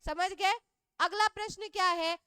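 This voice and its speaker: A high, bright woman's voice, teaching grammar in slow, deliberate steps. She keeps asking her students questions and checking that they follow. The sound is dry and close. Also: fairly even intonation, dry recording. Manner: repeats questions back to students and checks understanding.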